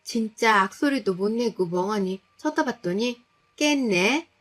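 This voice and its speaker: A woman recounting a frightening personal story in the first person. Her voice sits at a middle pitch. She tells it in a tense, confessional way. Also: animated, moderate pace.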